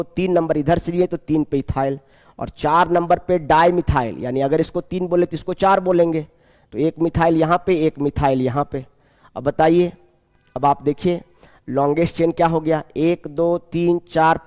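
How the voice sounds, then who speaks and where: A man teaches chemistry to a class, going over a test paper one step at a time and counting aloud as he goes. His voice sits a little high for a man, and he keeps turning questions back to the students. A long reverb trails each phrase, as in a large hall. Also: a little mellow.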